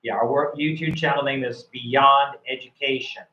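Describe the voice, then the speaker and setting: A man's voice: medium pitch, fairly even intonation, moderate pace, pushed and bright, reverberant, muffled recording, a little hiss or hum. Rambling American man coaching speaking. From United States. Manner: rambling, many fillers and repeated words. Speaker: IELTS speaking tutor. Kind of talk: casual live coaching.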